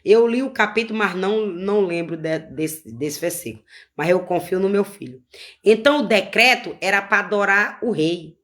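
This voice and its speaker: A woman's voice: mid-range voice, animated, normal speed, a bit bright. A woman preaching an informal sermon, fervent and repeating her phrases for emphasis.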